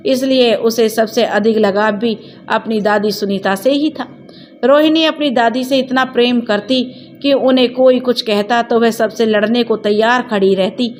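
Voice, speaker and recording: A woman's voice: on the high side, slight background noise. Woman narrating a family story. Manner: steady, expressive reading.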